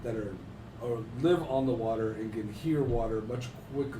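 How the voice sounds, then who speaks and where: A man's voice: mid-range voice, moderate pace. Blunt man playing a tabletop game. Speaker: player. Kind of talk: casual tabletop game chat. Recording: echoey room, distant from mic, noisy.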